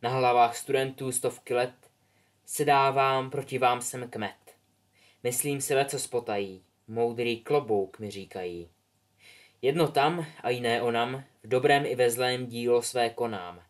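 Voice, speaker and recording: A man voicing the Sorting Hat, a slow chanting old hat. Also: mid-range voice, fairly even intonation, close to an everyday voice. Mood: solemn. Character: ancient singing male magic hat.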